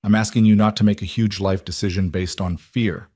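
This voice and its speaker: A man's voice: lowish voice, steady tone, brisk, darkish tone, no room sound, studio quality, natural voice. A man voicing an exhausted, struggling young woman of twenty-nine, weary and strained. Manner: weary, strained, pleading for realism.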